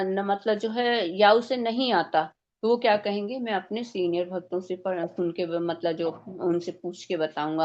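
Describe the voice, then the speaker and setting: A woman's voice: medium pitch, lo-fi sound. A woman teaching a devotional scripture class, explaining step by step and posing rhetorical questions.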